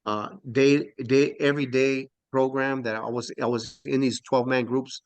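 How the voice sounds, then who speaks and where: A middle-aged man answering as a podcast guest on parole, speaking haltingly with many "uh" fillers and restarts. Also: mid-range voice, fairly even intonation, no room sound. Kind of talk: answering in an interview.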